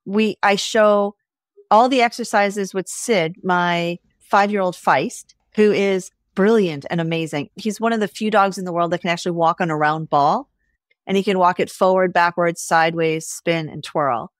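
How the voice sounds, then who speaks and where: A woman veterinarian talking as a podcast guest, animated, often tagging her sentences with "right?" and acting out what the dogs would say. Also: fairly low pitch, normal speed, no echo, studio quality. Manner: animated, tags lines with "right?", acts out pets' voices. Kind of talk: casual interview chat.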